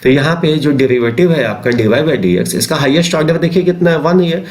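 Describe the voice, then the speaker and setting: A man's voice: on the high side, animated, a little mellow. A man teaching a maths class, mixing Hindi with English terms and asking and answering his own questions. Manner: slows right down when reading out English definitions. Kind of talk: classroom lecture.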